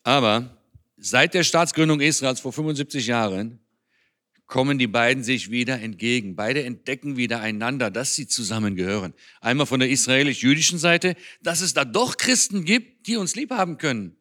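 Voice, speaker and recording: A man's voice: medium pitch, moderate pace, bright, forceful tone. A German-born man giving an earnest, conversational sermon in a church. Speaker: speaker on Israel at a church.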